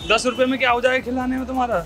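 A man's voice: very high-pitched, level tone, racing, a crowd in the background, noisy background. A man, a YouTuber posing as a beggar in a street social experiment, pleading persistently for money and food. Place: outdoor city street.

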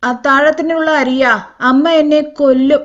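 A woman's voice: sits high, steady tone, slow pace, muffled recording, pitched above the performer's own voice. A woman voicing a small, frightened poor girl who talks tearfully and pleads.

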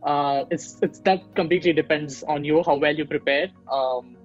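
A young machine learning engineer from India is a guest in a casual video-call interview, explaining his field with many fillers and restarts while recorded on earbuds in a small room at home. His fairly high voice stays steady in tone at normal speed. The highs are cut off, with faint music behind.

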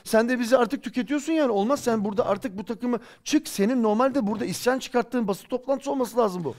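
High-pitched, fast, ranting male pundit. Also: a little mellow. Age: 40s. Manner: impassioned, ranting, rhetorical scolding. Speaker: football pundit. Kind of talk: heated post-match commentary. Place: studio.

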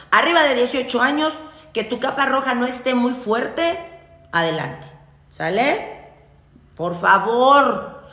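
A young Mexican woman teaching a witchcraft ritual in a chatty, teasing way, full of slang and quick laughs. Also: fairly high pitch, fairly bright tone, reverberant. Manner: chatty and salty, teasing her viewers with slang; laughs often at her own jokes. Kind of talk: casual spoken ritual tutorial.

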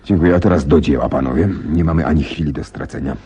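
A man playing Sherlock Holmes, a commanding, deliberate detective who repeats phrases and pauses to think, in a Polish radio drama. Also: a bass voice, warm tone, slightly rough, heavily acted. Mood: urgent, instructing.

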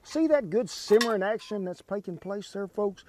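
A man's voice: high voice, animated, normal speed, warm tone. A man in his sixties with a Southern US accent, hosting an outdoor camp cooking demonstration in a folksy drawl on a lapel mic. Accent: Southern US (Oklahoma). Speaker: cooking show host. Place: outdoor ranch camp by a pond, windy. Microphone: wireless lapel mic.

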